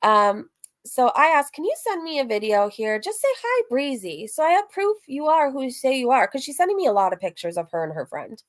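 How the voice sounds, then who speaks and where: Her voice sits high and is very animated, running a little fast. As streamer and host of a reaction livestream, she chats casually through a recap, reading messages aloud, rambling frankly, breaking into asides, and dropping casual curses.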